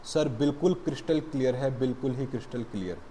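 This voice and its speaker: A man's voice: mid-range voice, fast talker, mellow, a little hiss or hum, close to an everyday voice. A man voicing an eager young student who answers his teacher keenly and agreeably. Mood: agreeable. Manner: keen, agreeable replies to the teacher.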